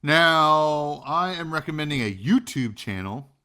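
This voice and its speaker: A man's voice: fairly high pitch, animated, unhurried, sharp tone. A man co-hosting a casual podcast, talking animatedly with many fillers and acting out quotes. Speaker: podcast co-host.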